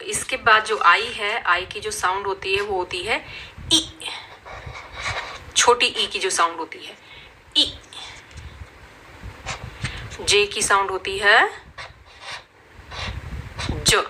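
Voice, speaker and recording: Slow, bright-voiced woman teaching phonics. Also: medium pitch, slight background noise. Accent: Indian. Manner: slow, patient, demonstrating each sound. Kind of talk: phonics lesson.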